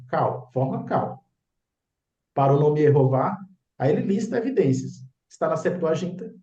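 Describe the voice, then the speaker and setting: A man's voice: fairly high pitch, dark tone. A man explains slides as a religious teacher, insistent and often checking in with the listener. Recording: echoey room, dull lo-fi sound.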